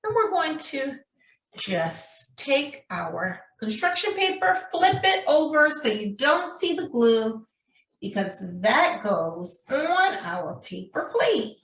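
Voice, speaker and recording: A woman speaks in a high, sing-song, fairly bright voice, taking her time while showing young children how to make a craft. As a preschool teacher, she calls them friends and checks in with them often; the microphone sits at a distance in a room with noticeable echo.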